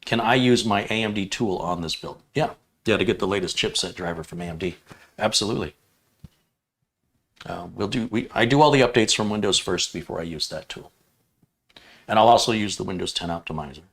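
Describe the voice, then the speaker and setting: A man's voice: fairly low pitch, a little fast, vocal fry, a bit bright. A man co-hosting a live stream, chatting casually, reading out viewer comments and teasing with dry jokes. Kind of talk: casual banter and reading viewer chat aloud.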